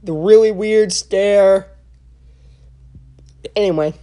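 A young man giving a casual spoken review, halting and full of filler sounds and restarts. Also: high voice, warm tone. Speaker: wrestling show reviewer.

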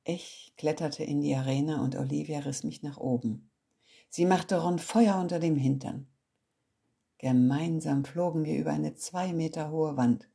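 A woman calmly reading a children's story aloud as the storyteller, in a measured storybook manner. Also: sits low, gravelly, husky.

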